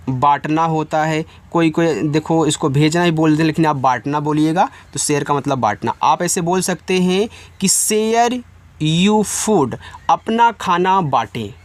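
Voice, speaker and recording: Male beginner-class teacher, higher pitched, patient and repetitive, spells words aloud. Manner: addresses viewers as students; reads English examples slowly and carefully. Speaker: English teacher. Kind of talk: spelling-and-meaning lesson for beginners.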